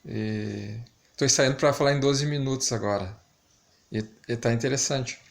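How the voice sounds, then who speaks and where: An amateur video maker, a man with a gravelly, medium-pitched voice, talks casually and reflectively to the camera. He's hesitant and pauses often, and a dental retainer makes his speech slightly lisped and stumbling.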